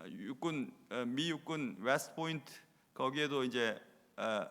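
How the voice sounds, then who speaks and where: A man preaching a sermon as pastor at live worship, acting out quoted lines with loud bursts and mixing in short English phrases. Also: mid-range voice, lively intonation, unhurried, gravelly. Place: church sanctuary during live worship. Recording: long hall reverb from church sanctuary.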